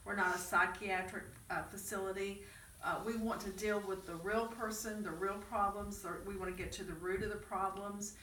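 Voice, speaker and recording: A woman's voice: medium pitch, steady tone, moderate pace, bright, forceful tone. A middle-aged woman interviewing and earnestly explaining her program's rules, recorded from a distance. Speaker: ministry program director. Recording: echoey room, mic far off, faint noise.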